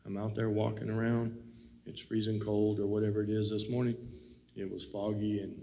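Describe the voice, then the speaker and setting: A man's voice: on the low side, level tone, moderate pace, vocal fry, warm tone, long reverb tail. A man co-hosting a casual faith talk, reflective and rambling, with many "you know"s. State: has the hiccups. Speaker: co-host.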